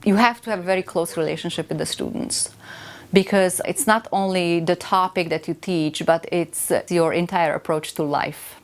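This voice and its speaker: A woman in her forties with a Hungarian accent, a theater voice teacher speaking thoughtfully in an interview with frequent filler pauses. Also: fairly low pitch, fairly even intonation.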